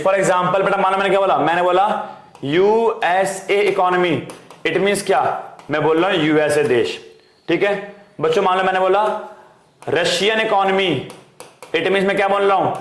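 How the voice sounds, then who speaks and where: Brief: male teacher, fairly high voice, drills students with repetition, echoey room. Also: a bit bright. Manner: repetitive call-and-response drilling, addresses students as "beta". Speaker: economics teacher. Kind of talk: online class lecture.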